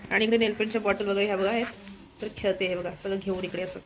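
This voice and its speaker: A young woman chats through a casual family vlog in her home kitchen, pointing things out to her viewers again and again. Her voice sits at an ordinary middle pitch. A steady background noise hangs under the home recording. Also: rapid-fire. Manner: chatty, keeps repeating "look" to viewers. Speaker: vlog host.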